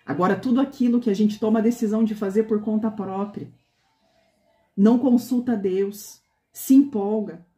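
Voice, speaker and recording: A woman's voice: medium pitch, fairly even intonation, moderate pace, mellow, reverberant. A woman pastor preaching a conversational sermon to a women's meeting, often asking the women questions.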